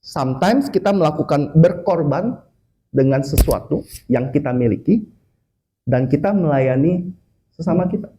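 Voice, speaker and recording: A man's voice: on the high side, moderate pace, slight background noise. A male evangelist preaching a conversational sermon at an office service, often adding "oke" and "ya" and English words. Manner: lively, conversational, frequent "oke" and "ya" tags, mixes in English words.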